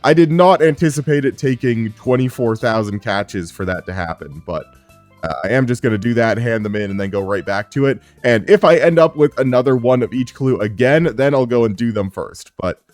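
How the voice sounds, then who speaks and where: Here a sick-sounding gaming YouTuber pushes his strained, fairly low voice up a little while giving relaxed, meandering commentary on his play. His pace is slightly quick and he leans on "uh" often. The recording is dry, with quiet background music.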